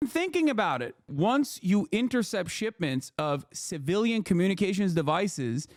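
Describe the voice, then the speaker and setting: A man's voice: high voice, sing-song, moderate pace, no echo, studio quality. A man who grew up in Turkey, reacting to news clips on his live stream in a heated, sarcastic and profane way.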